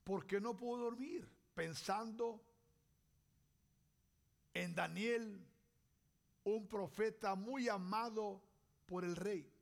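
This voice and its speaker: A man with a high-pitched, creaky voice preaches a sermon. He goes slowly and deliberately, pausing often and posing rhetorical questions.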